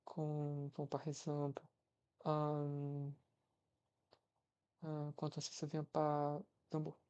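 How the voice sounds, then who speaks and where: A 21-year-old Brazilian man with a Brazilian Portuguese accent vlogs casually while practicing foreign languages, speaking hesitantly with many fillers and restarts. His voice is on the high side, monotone, slow, smooth, and darkish in tone, and the sound is lo-fi.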